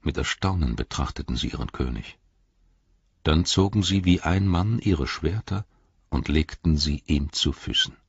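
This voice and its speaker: A male narrator with a very deep, husky voice reads an epic tale slowly and solemnly. The sound is dry and close. The recording is dull and lo-fi. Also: expressive, dry recording. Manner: measured, solemn. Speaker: audiobook narrator. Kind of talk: scripted narration.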